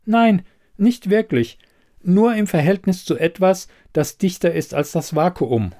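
A man voicing an impatient, sharp-tongued woman investigator in a read-aloud story, with curt, pointed questions. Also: sits high, expressive, a little slow, voice pushed up. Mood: explaining.

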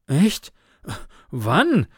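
A man's voice: on the high side, expressive, a little slow, fairly bright tone, dry recording, voice pushed up. A young man gasps for air between words, raised and strained above the narrator's usual voice. He sounds shaken and haunted, an asthmatic pushing himself too hard, as a male narrator acts him out in a read-aloud story. The delivery is close and dry, with no room around it. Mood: breathless. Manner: panting, gasping between words.

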